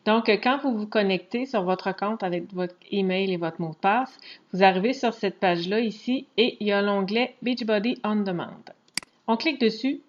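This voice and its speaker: A woman with a Quebec French accent giving a casual, chatty screen walkthrough tutorial, pausing often to hesitate as she talks. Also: mid-range voice. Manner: chatty, relaxed, frequent hesitations. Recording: dull lo-fi recording.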